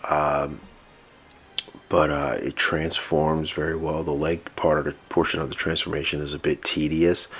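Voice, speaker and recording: A man giving a casual toy review, rambling with fillers and relaxed asides. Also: rumbling low, slightly rough.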